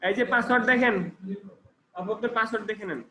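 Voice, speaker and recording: Quick, high-voiced man teaching. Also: sharp tone. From Bangladesh. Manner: explains step by step, checking with the student often. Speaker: computer trainer. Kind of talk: classroom instruction. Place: training center classroom. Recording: echoey room with faint background noise.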